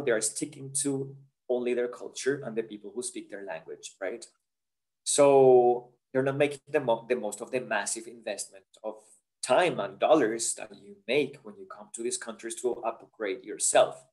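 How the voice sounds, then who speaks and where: A man's voice: medium pitch, darkish tone. Earnest man presenting a webinar. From Colombia. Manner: earnest, chatty, tag questions like "yeah?" and "right?". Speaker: career counsellor, webinar presenter. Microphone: video call.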